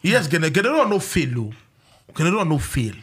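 A man's voice: a little high, very animated, normal speed, a bit bright, husky. A man with a Nigerian accent arguing about football in Nigerian Pidgin, emphatic, repeating himself and cutting in as a pundit. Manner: emphatic, repetitive, interrupting.

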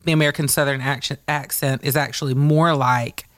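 Measured woman in a dry room. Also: a bass voice, steady tone, dry recording. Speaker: guest producer. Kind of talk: casual chat.

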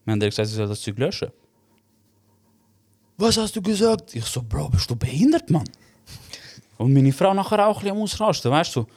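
A man's voice: medium pitch, fast. A young man with a Swiss German accent, telling a story in a casual podcast chat and acting out the quoted voices. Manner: animated storyteller, acts out quoted dialogue. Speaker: podcast co-host.

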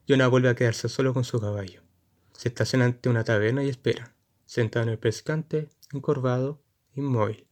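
Man, narrator, storybook reading, measured, descriptive, middle pitch. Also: darkish tone.

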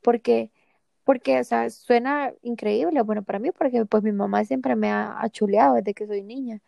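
A woman's voice: fairly high pitch, fairly even intonation, moderate pace, vocal fry, warm tone, no echo. A young woman hosting a podcast, giving earnest, encouraging advice in a casual chat. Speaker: podcast host.

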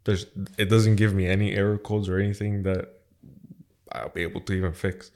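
A man's voice: low voice, level tone, fairly quick, a little mellow. A man hosting a casual podcast in a slangy, sweary, bro-like way. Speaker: podcast host.

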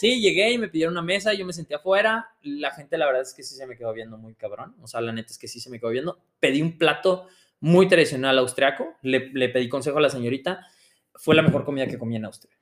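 A man's voice: on the high side, fast talker. A man with a Mexican accent co-hosting a podcast, chatting casually and telling stories with lots of slang. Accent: Mexican Spanish. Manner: slangy, animated storyteller. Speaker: podcast co-host. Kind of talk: casual travel chat.

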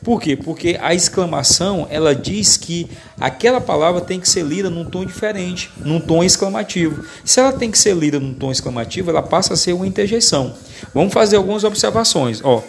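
A man's voice: high voice, lively intonation, brisk, gravelly. A man, teaching a grammar lesson as a podcast, explaining step by step and often restarting words.

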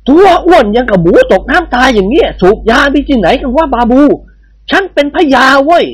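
Grumpy pompous old lord, huffy and loud, narrator doing the voice. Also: mid-range voice, big pitch swings, brisk, breathy edge, pitched above the performer's own voice. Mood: indignant. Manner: blustering, indignant. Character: pompous, short-tempered old Thai nobleman.

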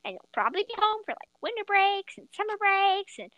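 A girl voicing Jacob, an excitable boy inventor who rambles and stammers in an amateur audio drama. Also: extremely high pitch, brisk, dry recording, muffled recording. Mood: excited.

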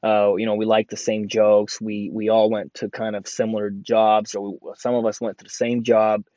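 Young male podcaster born in Ukraine, rambling personal monologue, mellow tone, dry close sound. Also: lowish voice, level tone, normal speed, no echo, lo-fi sound. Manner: rambling, many fillers and restarts. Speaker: podcast host.

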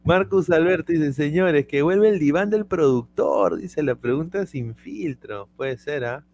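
A man's voice: a little high, a little slow, a little mellow. A man co-hosting a casual sports show, reading viewer comments aloud.

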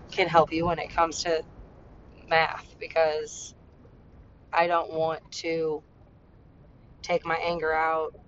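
Woman host, unscripted confessional monologue, rambling and blunt with casual swearing, muffled lo-fi sound with a faint engine rumble underneath. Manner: rambling, heavy use of "like" and "you know". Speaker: podcast host. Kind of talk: candid personal monologue.

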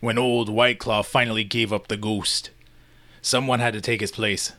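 A man voicing a scheming male werewolf pack leader who talks quietly, with a soft, drawling manner. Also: lowish voice, level tone, moderate pace, voice pushed up. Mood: explaining.

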